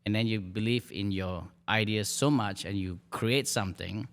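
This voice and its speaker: This is a middle-aged man from Malaysia, dean of a hospitality program, being interviewed for a podcast. His voice sits lowish, and he talks loosely and haltingly, with fillers and false starts.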